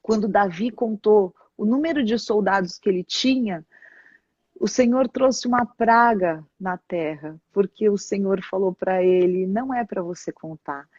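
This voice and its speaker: Woman, Brazilian Portuguese accent, bishop giving interview testimony, lively storyteller, dull dry recording. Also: mid-range voice, measured pace, dry recording. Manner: animated storyteller, acts out dialogue. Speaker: church bishop, interview guest.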